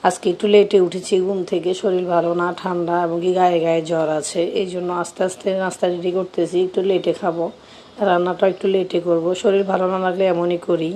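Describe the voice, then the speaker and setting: A young woman with a cold-roughened, hoarse voice, casually talking viewers through her breakfast cooking in her home kitchen. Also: on the low side, flat delivery, quick pace, dark tone, a little hiss or hum, low-quality recording. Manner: chatty, shows each step. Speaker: vlogger.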